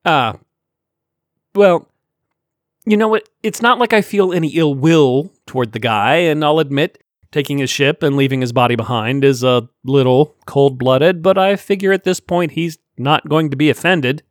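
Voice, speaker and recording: A man voicing a wry, commanding male ship captain who talks briskly and sardonically. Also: on the high side, no room sound, studio quality, pitched above the performer's own voice, close to an everyday voice. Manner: brisk, sardonic, giving orders.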